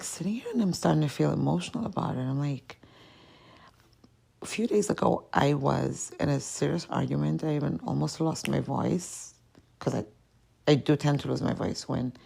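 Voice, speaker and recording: A woman hosts her own podcast solo, talking in a deep, gravelly, slightly mellow and slightly rough voice. Her confessional chat rambles and questions itself, sometimes trailing off into a whisper.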